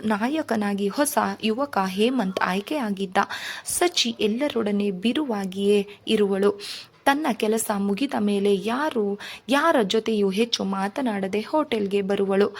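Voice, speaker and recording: A woman storyteller reading a novel aloud in a steady, expressive way. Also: mid-range voice.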